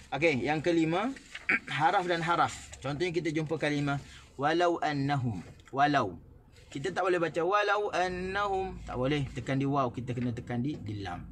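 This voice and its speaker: A man with a Malaysian Malay accent teaching Quran recitation. He explains in short phrases and then recites the examples slowly. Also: mid-range voice, fairly bright tone, a little hiss or hum.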